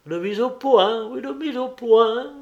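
A man putting on a loud, jovial southern politician. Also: a little high, expressive, measured pace, dull audio. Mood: hearty, persuasive.

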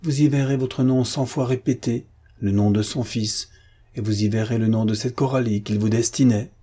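Steady, insistent old man read by a man; mellow, husky storybook voice. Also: medium pitch, moderate pace, lightly acted.

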